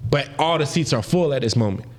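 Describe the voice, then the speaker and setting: A man in his thirties from New Jersey telling a story in a casual interview, slangy and animated, acting out the people he quotes. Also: a little high, fairly quick. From Paterson, New Jersey. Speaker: guest.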